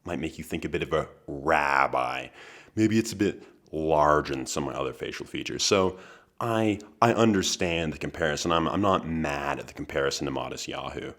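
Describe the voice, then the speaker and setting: A man in his twenties hosting a podcast, delivering a comedic monologue in a dry, deadpan manner with wry asides. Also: extremely low pitch, moderate pace. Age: 20s. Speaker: podcast host.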